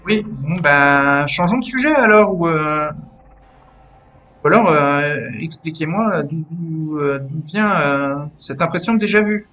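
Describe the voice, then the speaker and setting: A man's voice: fairly high pitch, takes it slowly, sharp tone, muffled recording. A man running a tabletop game as game master, talking hesitantly with many fillers.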